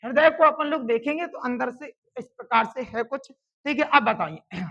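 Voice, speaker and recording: A woman with a lofty, sharp-edged voice leads a classroom lesson. She prompts the students again and again to answer aloud. When a key answer comes, she stretches it out and says it louder. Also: sits high, dull audio. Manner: drills students with call-and-response questions; repeats answers slowly and loudly for emphasis. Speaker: teacher.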